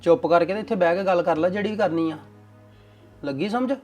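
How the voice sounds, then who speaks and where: A man's voice: high-pitched, fast talker, faint music behind, natural voice. A young man with a Punjabi accent acting a bossy, commanding husband in a domestic drama. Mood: stern.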